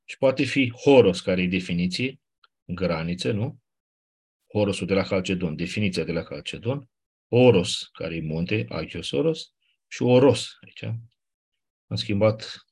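A man teaching a class, explaining step by step in a conversational way with quick asides. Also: sits low, expressive, slightly rough. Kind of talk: classroom lecture.

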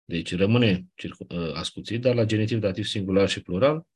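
Husky low-voiced man teaching. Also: a little mellow. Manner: explanatory, checks understanding with "nu?". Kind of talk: classroom lecture.

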